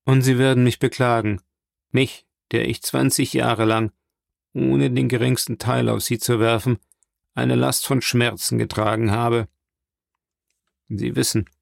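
A man's voice: mid-range voice, creaky, no echo, studio quality. Man reading a grim, tormented prosecutor. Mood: confessing. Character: grim, tormented male state prosecutor, older nobleman. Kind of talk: audiobook character reading.

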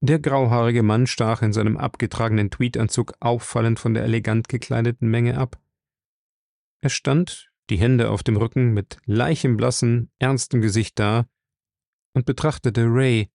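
A male narrator reading a novel aloud in a steady, dramatic way. His voice sits at an ordinary pitch with a gravelly edge, recorded dry and close. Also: normal speed, no echo. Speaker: audiobook narrator. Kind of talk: scripted narration.

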